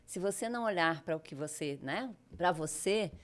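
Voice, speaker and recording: A woman's voice: on the low side, animated, normal speed. A woman interviewing a guest, reflective and thinking aloud as she draws lessons from the story. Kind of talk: conversational podcast interview.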